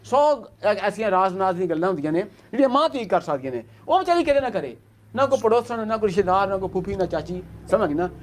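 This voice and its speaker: A man's voice: high-pitched, big pitch swings, fast. A man from Pakistan on a charity visit who hands out aid and earnestly repeats his reassurances. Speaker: charity worker handing out aid. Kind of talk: on-site charity vlog talk.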